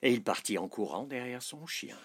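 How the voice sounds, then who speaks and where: A man reading a storybook aloud in a soft voice that sometimes drops to a whisper. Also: medium pitch, lively intonation, normal speed, slight background noise. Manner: soft, dropping to a whisper on some phrases.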